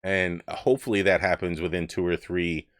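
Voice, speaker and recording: A man's voice: low-pitched, steady tone, normal speed, a bit bright, dry recording, clean studio sound. A man co-hosting a casual livestream chat, rambling and joking about himself. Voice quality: rambling, joking, self-mocking. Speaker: podcast co-host.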